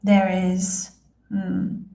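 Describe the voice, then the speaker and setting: A serene female spirit guide voiced by a woman in trance speaks in the manner of a seance medium. The delivery is extremely slow and halting, with measured phrases and small hums, in a roomy, echoing space. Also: mid-range voice, completely flat delivery, creaky, warm tone. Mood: serene, solemn. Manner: halting, solemn, measured, with hums and long pauses. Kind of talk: trance channeling, addressing listeners as a spirit.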